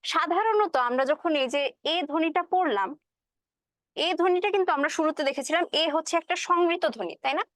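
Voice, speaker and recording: A woman's voice: very high-pitched, animated, fairly quick, fairly bright tone, no echo, clean studio sound. A woman teacher giving a classroom lecture, explaining step by step and often checking that students follow, with English words mixed into her speech.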